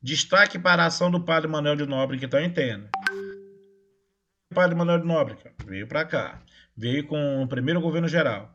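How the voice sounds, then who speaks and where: A man's voice: fairly high pitch, a little fast, dull audio, music in the background. A man, a history teacher, giving a casual online lecture, often checking in with his students as he goes. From Brazil.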